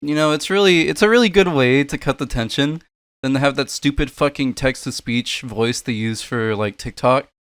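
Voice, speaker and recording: A young man delivers scoffing, profane commentary on online clips. His voice is smooth and clear, recorded close and dry with no room sound. He mocks and laughs at what he sees. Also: mid-range voice, normal speed, a bit bright, no room sound. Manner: mocking, swears a lot, laughs at clips. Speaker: commentary creator reacting to videos. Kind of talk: sarcastic reaction commentary.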